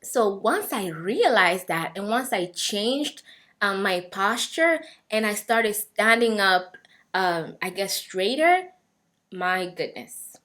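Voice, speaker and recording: Speaking slowly in a medium-pitched, sing-song voice with a bit of brightness, a young fitness vlogger encourages viewers on camera. Swahili is her first language, and her casual, earnest talk is full of fillers and false starts.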